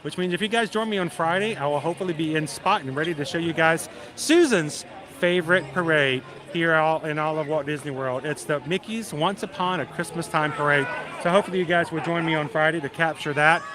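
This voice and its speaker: A middle-aged man from South Georgia with a deep Southern accent, chatting casually and folksily as he hosts a livestream. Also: a little fast, background noise. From South Georgia, United States. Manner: chatty, folksy, greets viewers by name. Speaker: livestream host. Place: outdoors in a busy theme park.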